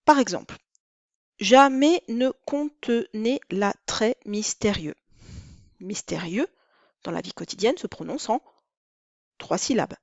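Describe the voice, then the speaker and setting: Slow, careful woman teaching verse. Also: mid-range voice, a little mellow, no room sound, lo-fi sound. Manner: slow, clear teaching delivery, stretching out verse syllables. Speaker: French teacher. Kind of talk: recorded lesson.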